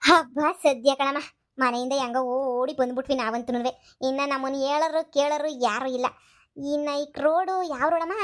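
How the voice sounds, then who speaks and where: A woman voicing a scheming young maid's daughter in a cartoon comedy, urging. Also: natural voice. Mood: relieved. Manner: urging, plotting in a low voice.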